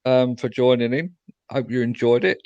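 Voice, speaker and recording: A man's voice: mid-range voice, moderate pace, darkish tone, no room sound, muffled recording. A young man hosting a casual fan chat after a match, reading out viewer comments and answering them. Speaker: fan show host.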